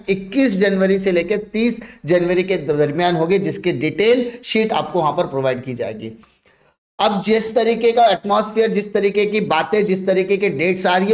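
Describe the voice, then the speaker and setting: A young man tutoring students online, explaining exam schedules and repeating dates and points for emphasis. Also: high-pitched. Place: indoor room, screen-share with face in corner.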